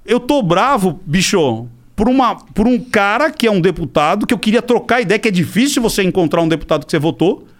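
Brazilian guy on a podcast, middle-aged, high voice, jumps all over the place, swears a lot and does voices for people. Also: a little fast, few pauses. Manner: animated, acts out quoted people, swears freely. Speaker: podcast guest, body-language specialist. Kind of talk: casual storytelling.

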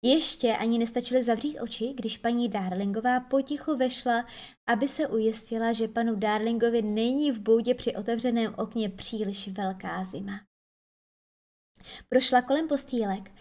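A woman narrating a children's audiobook in a gentle storytelling manner. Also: a little high.

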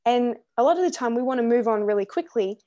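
A woman's voice: a little high, animated, fast, warm tone, lo-fi sound. A young woman hosting a faith podcast, talking earnestly and encouragingly, with frequent ums and restarts. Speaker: podcast host. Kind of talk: casual faith podcast chat.

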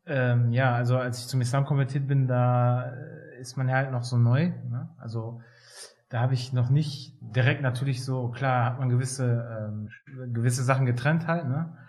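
A man in his thirties from Germany, a physiotherapist talking as a podcast guest in a relaxed way, with many fillers and hesitations. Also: medium pitch, moderate pace. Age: 30s. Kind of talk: casual interview talk.

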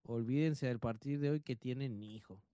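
In a dry recording, a podcast co-host in his thirties with a Mexican accent chats casually and tells stories, swearing heavily and laughing often in slangy speech. His mid-range voice moves at normal speed and sounds mellow, clear, and resonant.

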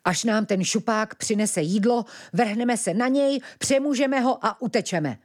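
A woman's voice: a little high, a little mellow, voice pushed up, close to an everyday voice. A woman doing a rash, melodramatic dog. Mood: blustering. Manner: blustering, melodramatic. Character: rash hungry male dog, dramatic.

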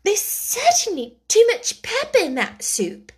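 A woman's voice: extremely high pitch, wildly swooping pitch, a little slow, voice pushed up, heavily acted. Woman voicing a fretful, polite young girl. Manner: earnest, rising to alarm.

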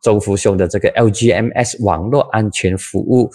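A male host speaks Mandarin with a Malaysian accent in a relaxed, conversational way, with plenty of filler particles. His voice sits low and the recording is dry and close. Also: normal speed, no room sound. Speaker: news talk show host. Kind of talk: casual news chat with a guest.

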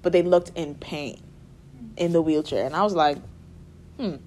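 Speaking at a normal speed, a young woman from the Bahamas talks in a low-sitting, darkish voice. She's a music therapy student appearing as a guest in a casual interview, bubbly and quick to laugh, with plenty of fillers.

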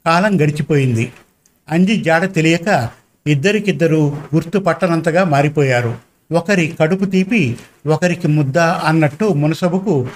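Male storyteller, slightly high voice, steady scripted narration. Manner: steady, measured storybook reading.

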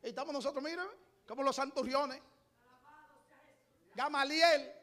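A middle-aged man, preaching a sermon with passion, often shouting and repeating his phrases. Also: very high-pitched, measured pace. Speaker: pastor.

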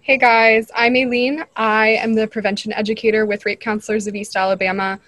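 A woman's voice: on the high side, level tone, fairly quick, fairly bright tone, rough recording. A woman in her early twenties, a prevention educator, speaking in an articulate, earnest way. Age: 20s. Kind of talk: casual discussion.

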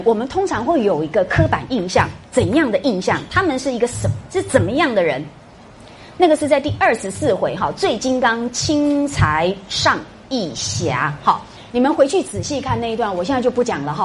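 A woman's voice: fairly high pitch, a little hiss or hum. A middle-aged woman giving a classroom lecture, quizzing her students with rhetorical questions and tag particles. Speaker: university lecturer.

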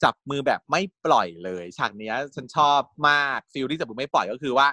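A man co-hosting a podcast, chatting casually about a TV series, animated and laughing often. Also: medium pitch, fast talker, slightly rough, dry recording, studio quality. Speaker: podcast co-host. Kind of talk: casual chat reviewing a TV series.

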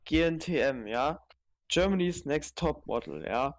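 A man's voice: a little high, expressive, a little slow, slight background noise. A young man co-hosting a casual live stream, making wry, sarcastic remarks. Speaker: stream co-host. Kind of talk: casual chat.

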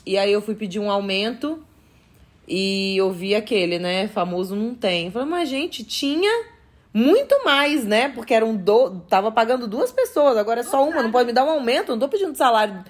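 Woman guest, mid-pitched, firm projected delivery, frank and chatty. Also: fairly quick. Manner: frank and conversational. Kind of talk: casual interview chat.

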